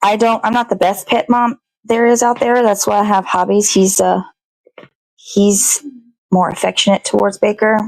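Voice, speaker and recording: In this rough recording with no room sound, a daily puppet show host chats while cooking, talking to herself and swearing a lot. Her medium-pitched, darkish voice moves little in pitch and keeps a normal speed.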